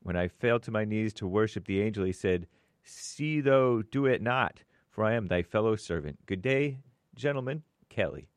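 Man, co-host, low voice, dry close sound, reading viewer messages aloud. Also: lively intonation, normal speed, no echo.

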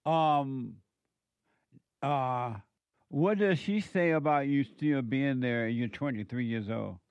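A man's voice: medium pitch, slow pace, a little mellow, clear, resonant tone, no room sound. A man hosting an advice show, talking bluntly and directly in a casual, colloquial way.

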